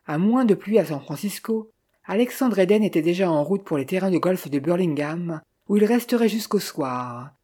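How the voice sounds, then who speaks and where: An audiobook narrator reading a detective novel in a measured, even way. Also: mid-range voice, breathy edge.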